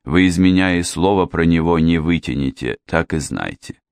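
A male narrator voicing a theatrical, self-pitying widow who talks in a slow, wailing way. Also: low-pitched, darkish tone, smooth, dry recording, studio quality. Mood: bitter.

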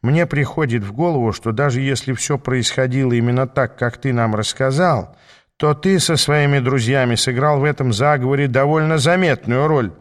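A man voicing a calculating, power-hungry male wizard who speaks slowly and suspiciously. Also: mid-range voice, lightly acted. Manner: slow, suspicious, deliberate.

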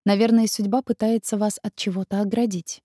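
A woman reading an audiobook, voicing a brisk, caring middle-aged mother. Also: medium pitch, little pitch movement, warm tone, dry recording, clean studio sound, lightly acted. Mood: concerned.

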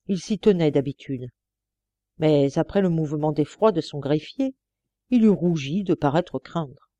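A woman reading a classic novel aloud as an audiobook narrator, measured and expressive. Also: sits low, no room sound, muffled recording. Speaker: audiobook reader. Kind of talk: scripted narration.

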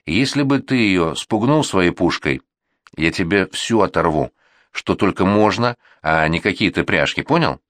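A man reading an audiobook who voices a gruff, menacing male gang commander, growling and scornful. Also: deep voice, animated, a little slow, a bit bright, no room sound, clean studio sound.

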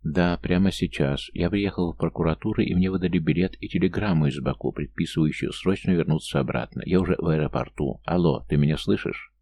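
A man's voice: low-pitched, fairly quick, gravelly, warm tone. A man doing a desperate pleading investigator.

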